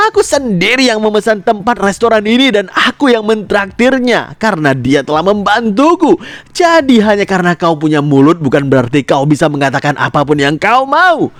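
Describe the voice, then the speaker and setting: A man voicing a polite young woman who turns to scolding a rude stranger, pitched up. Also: no room sound, lightly acted. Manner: indignant, scolding. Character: young woman, polite then angry and protective.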